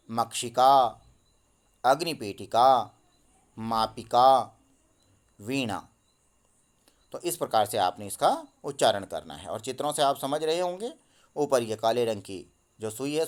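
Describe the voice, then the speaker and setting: A male teacher who reads textbook lines out loud and then explains each one, recorded on a phone. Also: mid-range voice. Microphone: phone mic.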